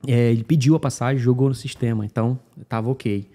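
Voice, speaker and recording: A guest on a podcast tells his migration story casually in a Brazilian Portuguese accent, animatedly acting out his exchanges with officials. His voice is medium-pitched and dark in tone, with fairly even intonation and a quick pace.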